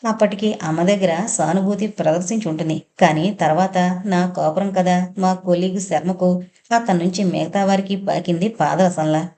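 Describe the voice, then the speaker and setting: Female narrator for a long-form audio novel: steady, even delivery, mellow and low. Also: normal speed. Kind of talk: scripted first-person novel narration.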